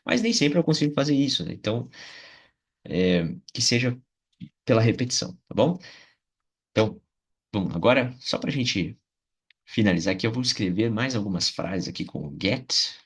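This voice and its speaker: A man's voice: on the low side, expressive, normal speed, pauses often, breathy edge. A man from Brazil teaching an English video lesson, patiently repeating words and often checking in with his viewers.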